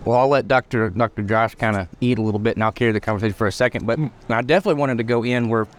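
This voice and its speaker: A man's voice: medium pitch, very fast. Rambling man hosting outdoors. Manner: rambling, searches for words, many restarts. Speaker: podcast host. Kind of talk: casual chat. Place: outdoor patio of a bakery.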